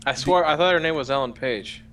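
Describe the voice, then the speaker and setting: A man's voice: on the high side, a little fast, a bit bright, a little hiss or hum. A man co-hosting a gaming podcast, joking and teasing his friends in casual chat. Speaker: podcast co-host.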